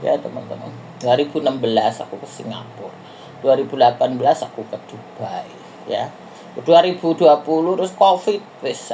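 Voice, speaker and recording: A woman's voice: low-pitched, creaky, a little mellow, slight background noise. A middle-aged woman from Indonesia, casually telling her viewers a rambling travel story and often calling them friends. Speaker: vlogger.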